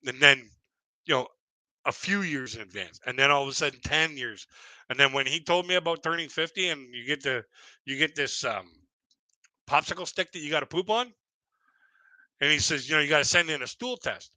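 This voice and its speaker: A man's voice: on the high side, a little fast, pauses often, bright, forceful tone, dry recording. A man in his fifties doing casual stand-up comedy on a live stream, rambling and chuckling at his own jokes. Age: 50s.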